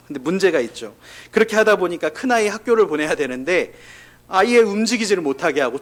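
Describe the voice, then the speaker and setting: Lively-voiced male pastor preaching. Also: on the high side. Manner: candid, confessional storytelling that addresses the congregation directly. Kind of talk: conversational sermon.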